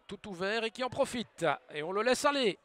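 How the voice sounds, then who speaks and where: A man delivers excited football commentary in a very high-pitched, bright voice. He moves between quieter build-up play and forceful, loud calls of the action. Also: a little fast. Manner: swings from hushed build-up to loud exclamations.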